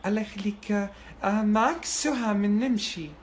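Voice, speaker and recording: A man's voice: high-pitched, normal speed, lightly acted. A man putting on a woman's voice as a female doctor in a prank phone call. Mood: polite. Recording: echoey, noisy, distant phone prank recording.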